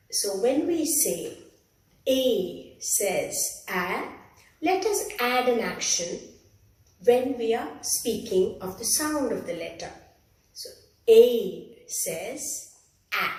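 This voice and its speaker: Slow, careful woman teaching phonics. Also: a little high, darkish tone. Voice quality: slow, deliberate, careful enunciation. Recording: echoey room, voice from a distance.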